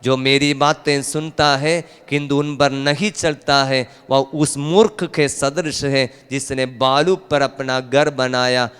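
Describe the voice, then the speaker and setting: A man's voice: medium pitch, little pitch movement, takes it slowly, few pauses, clean tone, big-room sound. A male priest, preaching a rousing sermon at a family retreat and urging the crowd to call out hallelujah. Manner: rousing, calls for hallelujah, rises to loud emphatic peaks. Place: large hall at a retreat.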